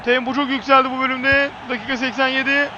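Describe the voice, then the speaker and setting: Screaming high-pitched male football commentator. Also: quick pace, muffled recording, background noise. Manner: excitable, screams player names at big moments. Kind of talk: live football play-by-play commentary.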